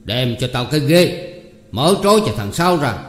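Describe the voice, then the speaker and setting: A man's voice: medium pitch, very animated, normal speed, fairly bright tone. A man playing a stern, commanding older male landlord in a storybook reading, recorded in an echoey room. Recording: echoey room, long reverb.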